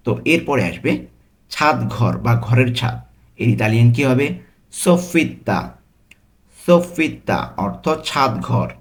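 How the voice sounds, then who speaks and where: A man teaching vocabulary with a Bangladeshi Bengali accent, his voice sitting at a middling pitch. He moves through each word deliberately and repeats it alongside its meaning, in a patient drilling rhythm. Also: expressive. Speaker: language teacher. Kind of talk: vocabulary lesson.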